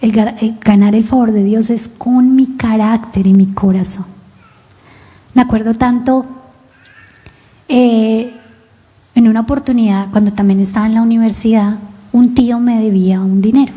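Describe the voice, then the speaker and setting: Woman preacher, lively storyteller, mellow tone, long hall reverb. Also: on the high side, normal speed, long pauses. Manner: storytelling, lively and self-mocking. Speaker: pastor. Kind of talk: sermon. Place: church service in a rented hall.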